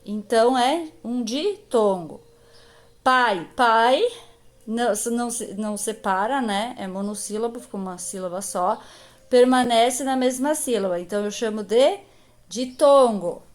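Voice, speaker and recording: Slow, patient Brazilian teacher, woman. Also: a little high. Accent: Brazilian Portuguese. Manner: slow, patient, stretches out example words. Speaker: primary school teacher. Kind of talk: recorded grammar lesson.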